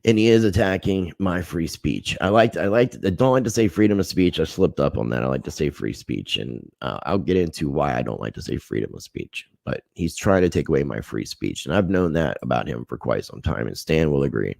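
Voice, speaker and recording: A man's voice: extremely low pitch, animated, fairly quick, gravelly, hardly any pauses, darkish tone, dry recording, clean studio sound. A man hosting a casual livestream, reading viewer comments, thanking people by name and airing a grievance. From United States. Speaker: livestream host.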